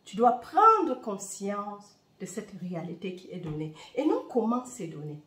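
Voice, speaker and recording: A woman's voice: mid-range voice, huge pitch swings, measured pace, a bit bright, echoey room. A woman with a Bamileke accent speaking to her viewers in a heartfelt spiritual talk, fervent, with hesitant fillers. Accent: Bamileke-accented French. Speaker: spiritual reader and channel host.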